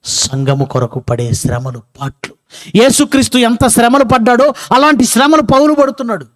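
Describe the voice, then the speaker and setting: A man preaching a sermon, asking rhetorical questions, rising and dropping sharply, and slowing down to read scripture. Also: very high voice, lively intonation. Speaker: pastor.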